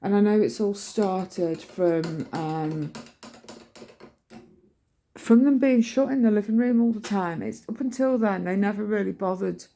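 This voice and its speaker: A middle-aged British vlogger with a warm, mid-range voice talks a little slowly as she tells everyday stories. Her manner is chatty and colloquial, rambling along and acting out what people said.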